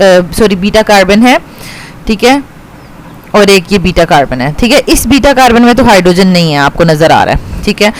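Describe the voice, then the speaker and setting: A woman chemistry teacher with a mid-range voice and a Pakistani accent patiently explains a reaction step by step. She mixes in English and keeps saying "ठीक है" to check that her students understand. The audio is poor.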